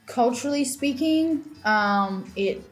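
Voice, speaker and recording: An eighteen-year-old woman from Australia with an Australian accent, explaining clearly in a casual discussion. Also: fairly high pitch, lively intonation, takes it slowly, faint music behind, poor audio. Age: late teens. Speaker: guest.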